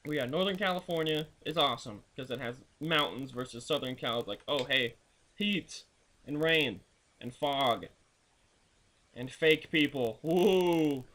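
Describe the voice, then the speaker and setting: A young man vents in a video blog, cursing nonstop and sounding exasperated as he goes. His voice sits a little high for a man and has a bright, sharp edge. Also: unhurried. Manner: crude, exasperated, swears constantly. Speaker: vlogger. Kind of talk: profane ranting vlog.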